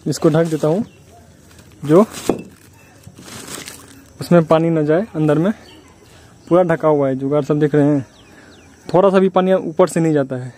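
Young man, village vlogger from Bihar, mellow voice, slightly high, chatty and complaining, phone held at arm's length outdoors. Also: moderate pace, pauses often, a little hiss or hum. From Bihar, India. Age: young adult. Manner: chatty, complaining, explains step by step. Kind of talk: casual vlog to camera. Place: outdoors at a building site and rice fields.

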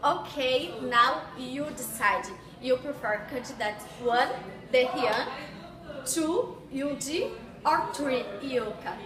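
A young woman hosts a playful mock singing contest with a high, bright voice and an unhurried, bubbly delivery. She is picked up from a distance by a camera phone in an echoey room, and people chatter clearly in the background. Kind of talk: playful scripted hosting. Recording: echoey room, far mic, chatter behind.

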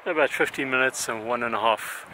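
A man's voice: mid-range voice, brisk, bright, forceful tone, slight background noise, rough recording. An older man hosting a hiking vlog, chatting and laughing as he films himself on a snowy forest trail with a handheld camera. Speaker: vlog host. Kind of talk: casual hiking vlog narration. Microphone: handheld camera held at arm's length.

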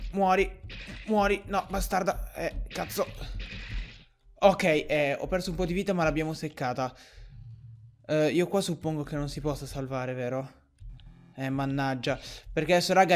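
A young man doing excitable Let's Play commentary over a game, swearing often and yelling when frustrated. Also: fairly high pitch. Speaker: gaming YouTuber.

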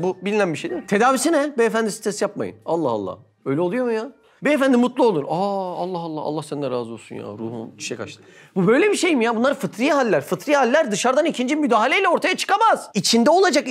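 Animated high-voiced male preacher. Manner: animated, rhetorical questions, exclaims often. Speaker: religious talk speaker. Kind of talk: religious sermon talk.

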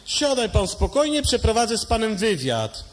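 A man's voice: high-pitched, big pitch swings, moderate pace, voice pushed up. A man voicing a brusque, impatient male doctor who speaks in a curt, raised voice.

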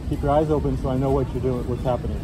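A man doing street ministry outdoors by a beachfront hotel, gently coaxing someone with questions while he prays for her, recorded on a handheld phone. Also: medium pitch, fairly even intonation, very fast, over music, low-quality recording. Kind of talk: street prayer conversation. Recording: outdoor noise clearly audible.

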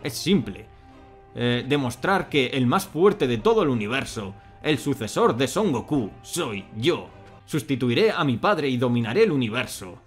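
A man's voice: mid-range voice, big pitch swings, moderate pace, faint music behind, natural voice. A man voicing an arrogant young male warrior of half-divine blood who sneers and boasts, reading a fan manga aloud. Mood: boastful.

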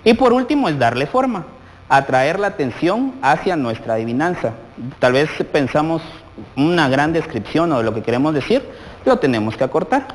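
Lively-voiced man teaching children. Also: fairly high pitch, moderate pace, in a large hall, slight background noise, poor audio. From Guatemala. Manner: asks many questions directly of the child viewer. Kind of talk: televised lesson for children.

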